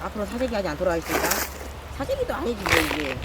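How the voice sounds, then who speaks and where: Lively self-mocking man fishing outdoors. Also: high-pitched, racing. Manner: self-mocking, swings between mumbled apologies and loud frustrated outbursts. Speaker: fishing vlogger. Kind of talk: casual solo vlog narration. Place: outdoors by the water. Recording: noisy outdoor recording.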